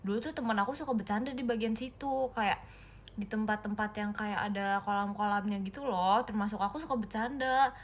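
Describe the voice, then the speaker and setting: A woman's voice: mid-range voice, steady tone, brisk. A young woman chatting casually on a livestream, reading fan comments with giggles and squealing exclamations. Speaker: idol group member livestreaming.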